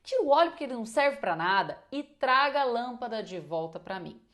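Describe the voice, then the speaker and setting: A woman voicing a scheming male sorcerer who gives slow, deep, commanding orders in a storybook retelling. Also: sing-song, a bit bright. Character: scheming sorcerer posing as an uncle.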